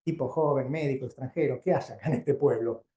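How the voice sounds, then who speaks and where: This is a male Argentine doctor lecturing informally at a keynote before a live audience indoors, with a roomy, reverberant sound. His timbre is mellow, his pitch medium, and he talks a little fast, explaining in a conversational, teacherly way punctuated by frequent check-in questions.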